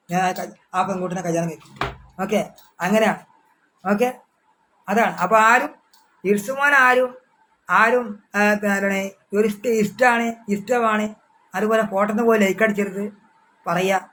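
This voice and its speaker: High-voiced man with Malabar accent. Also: a bit bright, slight background noise, poor audio. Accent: Malabar Malayalam. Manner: speaks of himself in the third person; repetitive, halting, with many restarts. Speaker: social media personality. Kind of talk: casual livestream talk to fans.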